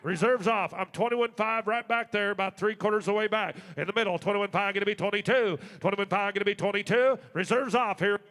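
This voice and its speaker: A man working as an auctioneer, calling bids in a rapid, repetitive, rolling live chant. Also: high voice, fairly bright tone. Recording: long hall reverb.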